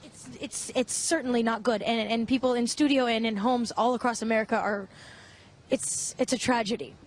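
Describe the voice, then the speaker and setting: A woman's voice: on the high side, fairly even intonation, moderate pace. A woman reporter conducting a mock news interview in an earnest, straight-faced way.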